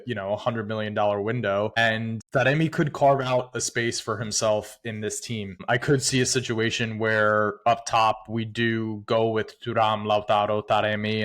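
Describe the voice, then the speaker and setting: Low-voiced podcast co-host. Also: male voice. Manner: relaxed, conversational, steers the segments. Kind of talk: casual sports podcast chat.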